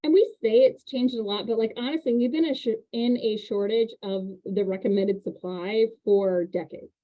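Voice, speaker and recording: A woman's voice: a little high, moderate pace. Chatty real estate lady from indiana, sounds like she's on a phone line, tells stories with lots of ums. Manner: chatty, animated storytelling with laughs. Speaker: real estate agent and host. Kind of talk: casual panel chat.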